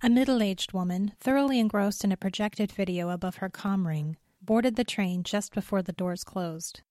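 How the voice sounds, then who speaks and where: A woman narrating a scripted story in a steady, even reading voice. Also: mid-range voice, normal speed, no room sound.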